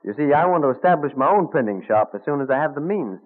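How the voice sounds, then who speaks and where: With a fairly high pitch and a fast, animated delivery, an actor voices a young colonial tradesman in a vintage radio play. The character is polite and deferential, bursting with eager admiration, heard through tinny, narrow-band old radio sound.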